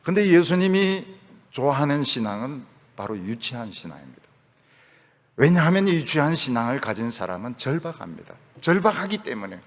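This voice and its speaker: A male pastor preaching a sermon in a dramatic manner, acting out quoted voices. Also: big-room sound. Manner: dramatic, acts out quoted voices with big pitch swings. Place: church sanctuary.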